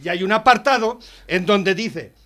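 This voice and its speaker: A high, bright voice from a Spanish man who keeps pressing the same point over and over. He talks over his co-hosts and demands to be let finish, a radio show regular in a heated argument. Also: lively intonation, moderate pace. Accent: Spanish from Spain. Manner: insistent, interrupts, repeats himself.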